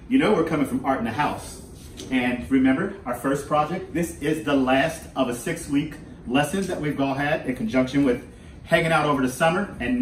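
A man's voice: mid-range voice, a little mellow, a little hiss or hum. An older man leading a casual online art lesson from home, chatty, upbeat and rambling as he talks to his viewers. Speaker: art teacher. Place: room at home. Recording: echoey room, voice from afar.

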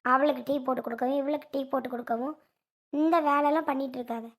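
A woman's voice: high-pitched, fairly even intonation, fast, close to an everyday voice. A woman playing a fussy grandmother in a family comedy skit, who nags, complains and lectures. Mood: scolding. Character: fussy scolding grandmother, protective of baby.

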